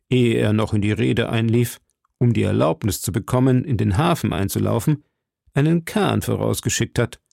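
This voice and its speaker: A man's voice: medium pitch, creaky, darkish tone, no room sound, studio quality. Man playing a coldly mocking lord. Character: coldly mocking aristocratic lord, middle-aged.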